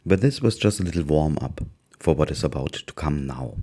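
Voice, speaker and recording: A man's voice: very deep voice, lively intonation, fairly quick, mellow, husky. A man with a German accent narrating his gameplay in a dry, sarcastic, amused way. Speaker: gaming YouTuber narrating gameplay. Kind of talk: casual gameplay commentary.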